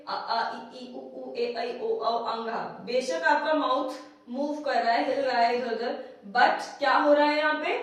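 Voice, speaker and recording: A woman teaching English grammar in a casual whiteboard lesson, often asking her viewers questions and checking in with them. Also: sits high. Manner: repeats questions to viewers, frequent checking "theek hai". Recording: very echoey room, voice from a distance.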